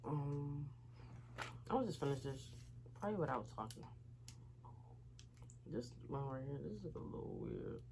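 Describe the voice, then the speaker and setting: A woman's voice: low voice, sing-song, unhurried, vocal fry, pauses often, mellow, slight background noise, low-quality recording. A woman vlogger talking casually and slangily to viewers while she eats, rambling between savoring hums. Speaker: mukbang vlogger. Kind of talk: casual eating-show chat to viewers.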